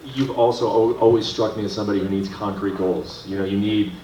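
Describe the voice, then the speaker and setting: A man with a low voice asks questions as a reporter at a press conference. He talks fast, assembling each question in pieces. He is heard from a distance in an echoey room. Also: little pitch movement, warm tone, slight background noise.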